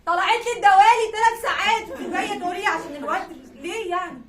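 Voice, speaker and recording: A young woman with an Egyptian accent telling a comic story at a live event, animated and laughing through her words. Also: very high voice, rapid-fire. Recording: echoey room, distant mic, background noise.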